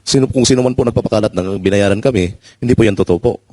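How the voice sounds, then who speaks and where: A former soldier speaking on a panel, earnest and pleading, polite and respectful. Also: male voice, lowish voice, fast, dark tone, no room sound. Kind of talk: personal testimony in a panel.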